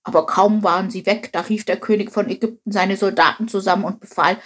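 A woman reading a children's story aloud in a clear, steady storytelling voice. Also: mid-range voice, brisk. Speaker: storybook narrator.

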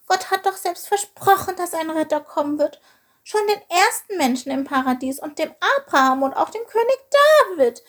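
A woman voicing a small, timid, curious young male creature in a storybook reading, with a squeaky voice. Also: expressive, normal speed. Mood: distressed.

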